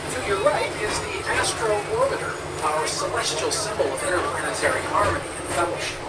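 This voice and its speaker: Man narrating through a loudspeaker. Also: high-pitched, wildly swooping pitch, a little fast, recorded from a distance. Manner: upbeat, promotional tour-guide delivery. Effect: outdoor loudspeaker narration. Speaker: ride narrator. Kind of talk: scripted tour narration. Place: theme park ride. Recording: echoey loudspeaker from afar, loud ride noise.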